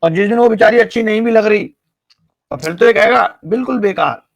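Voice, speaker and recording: A man's voice: sits high, moderate pace, no room sound. A man teaching a live online math class, explaining each step and teasing his students with jokes.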